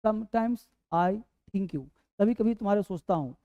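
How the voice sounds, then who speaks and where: A man's voice: high voice, unhurried, no room sound, highs cut off. A male teacher giving a spoken English lesson, calling students "beta" and drilling each word with repetition. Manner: calls listeners 'beta', drills words with repetition.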